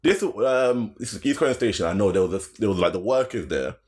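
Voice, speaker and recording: A young man with an urban London roadman accent, telling a casual story in slangy, animated speech and repeating phrases for emphasis. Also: fairly low pitch, fairly quick.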